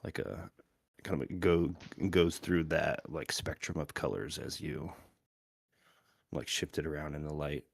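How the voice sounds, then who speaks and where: A man's voice: very deep voice, steady tone, measured pace, vocal fry, husky, no echo, clean studio sound. A man acting as game master who describes scenes in detail with lots of hesitant fillers. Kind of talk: tabletop role-play narration.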